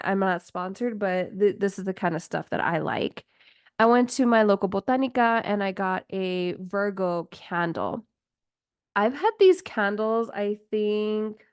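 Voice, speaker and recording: A woman's voice: mid-range voice, smooth, no echo, studio quality. A woman chatting casually and enthusiastically on her own, rambling from one thought to the next as a host. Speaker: podcast host and tarot reader. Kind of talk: casual solo chat about personal rituals.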